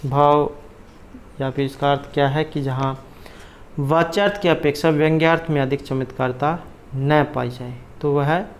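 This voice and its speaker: A man's voice: a little high, steady tone, a little slow, slight background noise. Man methodically explaining exam questions. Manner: methodical, walks through answer options. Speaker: Sanskrit exam tutor.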